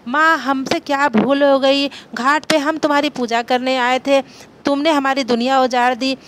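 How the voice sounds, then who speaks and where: A woman voicing a devout old village mother who pleads with the goddess, with a high voice. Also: fairly even intonation, moderate pace, a bit bright, a little hiss or hum. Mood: pleading. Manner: pleading, tearful.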